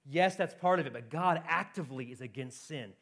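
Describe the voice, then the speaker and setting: Man preaching an urgent, chatty sermon. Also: fairly high pitch. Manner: urgent, conversational preaching with rapid swings in loudness.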